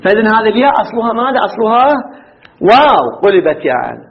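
A man's voice: high-pitched, big pitch swings, creaky, slight background noise. A male teacher giving a classroom grammar lesson, stretching out words and quizzing his students as he goes. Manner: quizzes the class, drawn-out repetitions. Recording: dull lo-fi classroom recording.

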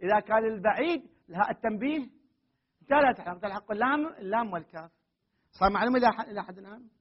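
High husky-voiced guy teaching grammar, keeps quizzing and correcting the class, muffled recording. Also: animated, very fast. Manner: questions the students often, corrects them firmly. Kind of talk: classroom lesson on Arabic grammar.

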